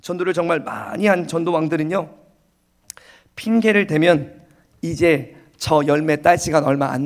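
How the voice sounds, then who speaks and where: A man preaching a Sunday sermon in a church, his voice pitched a little above the usual for men. He drives his points home by repeating them and briefly acts out other people's excuses. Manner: emphatic, repeats phrases, acts out excuses in quick asides. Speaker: pastor. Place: church sanctuary.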